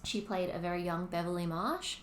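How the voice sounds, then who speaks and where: A woman in her twenties with an Australian accent, co-hosting a podcast in casual chat, talkative and quick to laugh. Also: lowish voice. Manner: chatty, laughs often, lots of ums. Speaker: podcast co-host. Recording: roomy with faint ambient noise.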